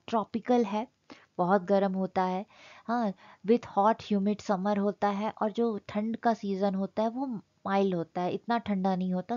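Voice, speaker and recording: Mellow-voiced woman giving a geography lecture. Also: mid-range voice, dull audio. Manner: explanatory, mixes English terms into Hindi, frequent fillers. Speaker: teacher. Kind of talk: exam-prep geography lecture.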